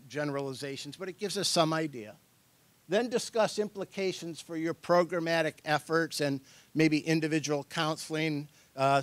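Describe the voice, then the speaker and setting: A man's voice: a little high, no echo. A middle-aged man giving an informal workshop lecture in a conversational, loosely hedged way as the presenter. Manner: conversational, hedging, chuckles often.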